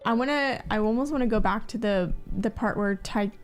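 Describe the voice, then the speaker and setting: A woman's voice: mid-range voice, brisk, faint music behind. A woman co-hosting a couple's reaction video, chatting casually and asking questions with frequent fillers. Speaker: co-host of a couple reaction channel. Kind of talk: casual chat.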